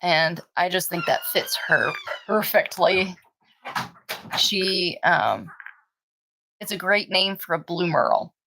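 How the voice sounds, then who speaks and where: A woman's voice: on the low side, expressive, takes it slowly, creaky, pauses often, pushed and bright, slight background noise, low-quality recording. A woman, chatting casually on a livestream with frequent ums. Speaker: dog breeder and livestream host.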